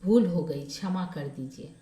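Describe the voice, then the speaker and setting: A woman's voice: fairly low pitch, measured pace, mellow, roomy sound, recorded from a distance, lightly acted. A woman voicing a young wife who pleads and apologizes, in a storybook reading. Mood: pleading. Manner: imploring.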